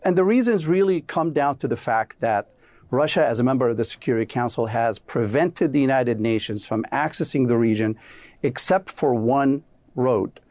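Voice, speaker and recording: A man's voice: mid-range voice, darkish tone, no echo. Male guest expert from Syria, earnest explanatory tone, dry recording. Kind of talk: remote news interview.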